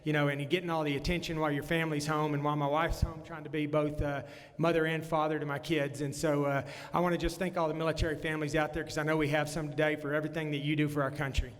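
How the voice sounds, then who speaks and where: A man in his forties with a West Texas accent from the Panhandle delivers a folksy congressional campaign stump speech at a candidate forum, talking fast in a level tone with a somewhat high voice. He leans on frequent "uh" fillers and restarts, speaking into a handheld or podium mic while the room PA sends long reverb through the echoing meeting hall.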